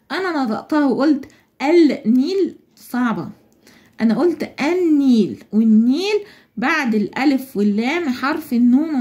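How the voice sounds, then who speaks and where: A woman's voice: high-pitched, dark tone. A woman with an Egyptian Arabic accent explaining a schoolbook lesson to young children, patient and step by step, asking questions and answering them herself. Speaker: primary school teacher.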